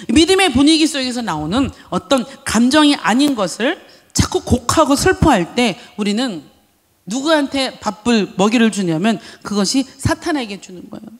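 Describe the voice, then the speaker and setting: A woman pastor preaching a sermon with emphasis, asking the congregation questions and acting out quoted voices. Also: high voice. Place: church sanctuary. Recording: long church hall reverb.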